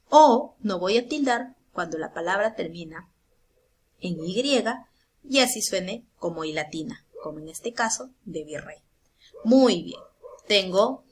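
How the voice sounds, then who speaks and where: A woman's voice: mid-range voice, husky. A woman with a Peruvian Spanish accent, a primary school teacher explaining a grammar lesson to children patiently and checking in with the class often.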